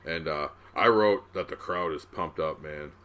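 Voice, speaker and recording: A man co-hosting a podcast, chatting casually and excitedly recapping a wrestling match, swearing now and then. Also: very deep voice. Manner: excitable, swearing, quick bursts of enthusiasm. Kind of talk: casual chat.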